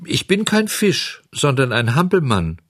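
A man's voice: medium pitch, wildly swooping pitch, a little slow, a bit bright, dry recording, clean studio sound, voice pushed up, heavily acted. A man voicing a frightened wooden puppet boy who wails and pleads. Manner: wailing, pleading.

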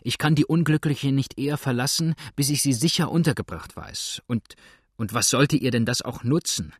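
A man's voice: mid-range voice, moderate pace, husky, dry recording, studio quality, lightly acted. A man voicing a desperate young boatman. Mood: pleading. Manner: pleading, urgent.

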